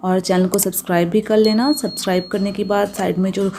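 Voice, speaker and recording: A woman, teaching English pronunciation patiently and slowing down to stress each rule. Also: mid-range voice, level tone, darkish tone, a little hiss or hum. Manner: patient, slows down to stress rules. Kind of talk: explanatory lesson.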